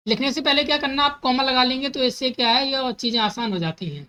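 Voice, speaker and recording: A math teacher with a bright, fairly high voice talks fast through a lesson, repeating each step and asking questions she answers herself. She works number words into her speech, and the audio quality is poor.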